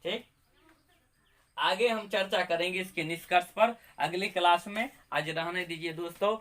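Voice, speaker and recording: A man gives an exam-prep lesson in a bright, forceful voice pitched a little high. He quizzes the class and answers himself, repeating terms slowly as he writes them out. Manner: spells out words while writing. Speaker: teacher.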